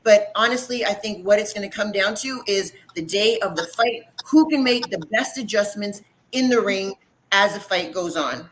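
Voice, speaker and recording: A woman's voice: medium pitch, normal speed, slight background noise, low-quality recording. A woman giving conversational fight analysis as a panelist, informal and often checking in with the listener. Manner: informal, checks in with "right" and "you know". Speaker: former boxer, panelist.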